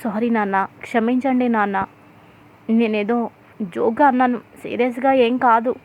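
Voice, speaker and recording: A woman's voice: fairly high pitch, steady tone, normal speed, darkish tone, natural voice. A woman voicing a young man apologizing to his father and his wife. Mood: apologetic. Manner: apologetic, pleading. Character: young husband, apologetic son. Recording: tinny phone-like sound.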